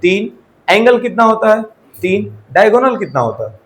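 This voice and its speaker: A very animated, high male voice at normal speed leads a maths lesson, though the recording is rough. Questioning his students often, he confirms they're following with repeated "theek hai."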